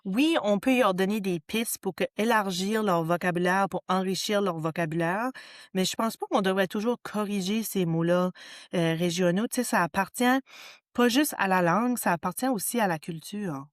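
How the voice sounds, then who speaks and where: A woman's voice: mid-range voice, normal speed, no echo, clean studio sound. Woman. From New Brunswick. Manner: hesitant, many fillers and "tu sais". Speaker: podcast co-host. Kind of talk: casual conversation.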